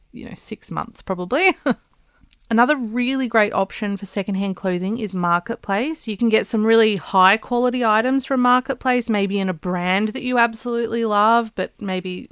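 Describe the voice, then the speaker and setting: Female, Australian, upbeat practical advice presenter. Smooth, clear voice, dry close sound, chatty and encouraging. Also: medium pitch, dry recording. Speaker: podcast host giving guest advice.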